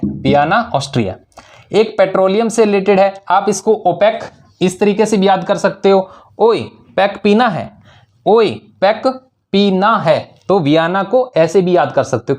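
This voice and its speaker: This high-sitting male voice belongs to a teacher giving exam-prep instruction with memory tricks. He answers his own questions and stresses key words by repeating them.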